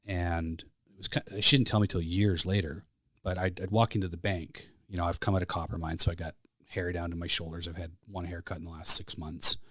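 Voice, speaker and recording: A little fast and sharp in tone, a low-pitched male voice keeps a level delivery without room sound. The speaker is a plain-spoken man in his fifties from Alberta, a flight service specialist with a Canadian accent. He's a studio podcast guest chatting and telling stories casually.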